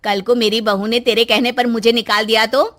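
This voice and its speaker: A blunt older mother from a cartoon story, voiced by a woman. She speaks curtly and firmly. Her voice sits high. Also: little pitch movement, brisk, fairly bright tone, lightly acted. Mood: stern. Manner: stern, curt.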